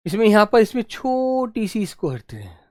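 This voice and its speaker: A woman teacher giving a Hindi grammar lesson, dictating slowly and repeating phrases for her students to note down. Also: sing-song, darkish tone, dry recording, clean studio sound. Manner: acts out quoted dialogue with raised pitch.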